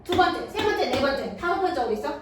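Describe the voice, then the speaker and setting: High-voiced woman teaching a class, very echoey. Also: very animated. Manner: checks understanding with quick questions to students. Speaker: middle school math teacher. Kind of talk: classroom lecture. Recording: very echoey room, mic far off, faint noise.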